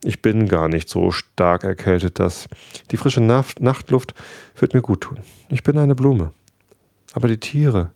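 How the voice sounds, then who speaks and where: A man's voice: fairly low pitch, measured pace, gravelly, a little mellow, dry recording, clean studio sound. A man doing a proud, delicate flower. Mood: gentle.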